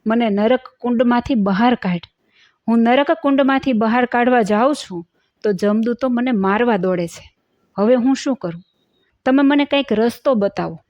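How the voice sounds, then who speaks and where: A woman's voice: a little high, moderate pace, a little mellow, dry recording, lo-fi sound, natural voice. A woman voicing a scheming older woman devotee who suffers in hell, speaking in a pleading, then indignant, manner.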